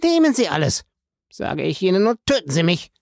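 A man's voice: fairly high pitch, animated, normal speed, a little mellow, dry recording, pitched above the performer's own voice. A panicked, greedy banker pleads and haggles for his life in an audiobook, as a male reader puts him on. The voice sits well above the reader's own, dry and close. It turns frantic and defiant by turns. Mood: desperate. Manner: pleading, bargaining, rising to frantic outbursts. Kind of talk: audiobook reading.

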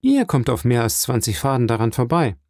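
A resourceful young seaman, earnest and confident, talking his way onto a boat in a storybook reading, as a man voices him. The voice is dark with a gravelly grain. The recording is close and dry. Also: mid-range voice, big pitch swings, a little fast, no room sound. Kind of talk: audiobook reading.

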